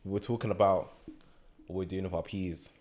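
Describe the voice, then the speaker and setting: A man's voice: low-pitched, fairly even intonation, a little fast, a little mellow, a little hiss or hum. A young man with an urban London roadman accent, co-hosting a podcast in casual, slang-filled banter. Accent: London, urban slang-heavy roadman. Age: young adult. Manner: slangy, repeats short agreements. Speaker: podcast co-host.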